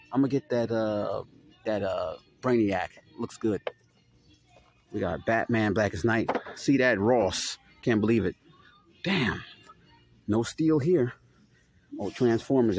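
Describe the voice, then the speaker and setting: A man's voice: on the low side, darkish tone, slightly rough. Profane ranting man filming in a store. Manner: profane ranting, frequent stammered repeats. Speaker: toy collector vlogger. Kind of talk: casual store walk-through vlog. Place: inside a retail store.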